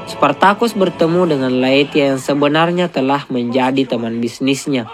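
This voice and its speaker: A man doing a steady, scripted voice-over that retells a film's plot. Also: mid-range voice, normal speed, music in the background. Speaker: film recap narrator. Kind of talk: scripted narration.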